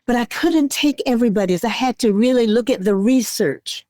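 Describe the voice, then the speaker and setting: A woman in her eighties, a guest in an interview, speaking earnestly and deliberately, sometimes restarting her words. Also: on the high side, darkish tone, no room sound, studio quality. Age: 80s. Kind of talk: casual interview talk.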